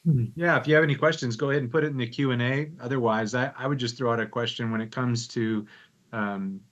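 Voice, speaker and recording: A man co-hosting a webinar over a video call, speaking in a measured, conversational way. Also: medium pitch, fairly even intonation, highs cut off. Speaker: webinar co-host. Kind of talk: webinar chat.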